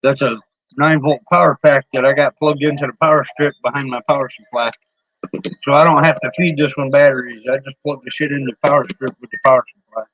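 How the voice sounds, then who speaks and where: A CB radio hobbyist streamer rambles casually in a show-and-tell about his CB radio microphones, swearing freely and often restarting sentences. His mid-range voice is a bit bright, and the recording's highs are cut off.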